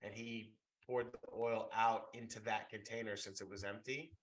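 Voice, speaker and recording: A man's voice: lowish voice, moderate pace, poor audio. A man in his thirties, a podcast co-host, talking bluntly and teasing his friends in casual chat. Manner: blunt, teasing, animated storyteller.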